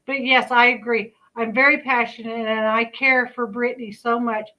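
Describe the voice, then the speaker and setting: High-voiced woman with slurred, toothless speech. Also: level tone, normal speed, sharp tone, low-quality recording. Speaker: video creator. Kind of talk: casual reaction commentary.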